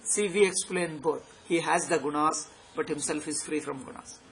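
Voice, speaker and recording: A man's voice: fairly high pitch, normal speed, fairly bright tone, rough recording. South Indian man teaching, with background noise. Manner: emphatic, repeats phrases for emphasis. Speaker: spiritual teacher. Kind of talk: extempore philosophy lecture.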